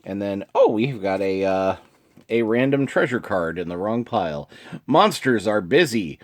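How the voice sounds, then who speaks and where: This man hosts a video in a relaxed style, reading card text with informal side comments. His allergy-affected voice is on the low side, sniffly, expressive, and unhurried, and he clears his throat a few times.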